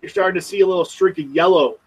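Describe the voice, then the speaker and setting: A man's voice: high voice, fast talker, slight background noise, rough recording. A man co-hosting a casual hockey podcast, wry and opinionated as he breaks down plays. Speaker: podcast co-host. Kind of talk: casual sports chat.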